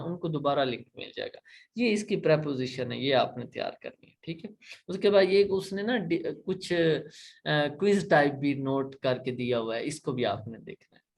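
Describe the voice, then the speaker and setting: Pakistani man teaching online over a laptop, raised pitch with a gravelly edge, patient and repetitive explainer. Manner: explains patiently, repeats points, checks in often. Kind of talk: online class lecture.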